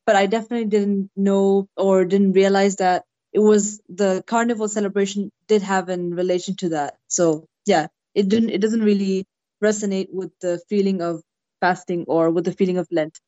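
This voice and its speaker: A woman originally from India joins a podcast as a guest. She speaks in a reflective, friendly way. Her voice sits in a middle pitch range and comes through slightly muffled call audio. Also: fairly even intonation, normal speed, dark tone. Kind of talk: casual podcast chat.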